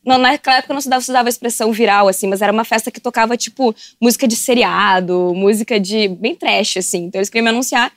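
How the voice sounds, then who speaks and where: A woman, an animated guest telling stories on a podcast and laughing often. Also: on the high side, rapid-fire, few pauses, no room sound, clean studio sound. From southern Brazil. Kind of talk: casual podcast chat.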